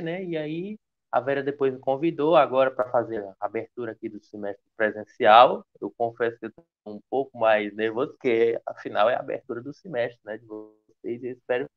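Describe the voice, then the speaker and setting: A man from Ceará, giving an online academic lecture in a hesitant way, with many restarts. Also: mid-range voice. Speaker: guest lecturer. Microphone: video call. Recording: dull lo-fi video call audio.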